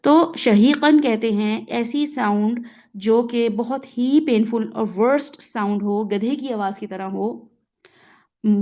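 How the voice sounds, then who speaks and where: A woman's voice: fairly high pitch, mellow. A woman with a Pakistani Urdu accent teaching a Quran reflection lesson, explaining word by word, mixing in English words and often checking in with her listeners.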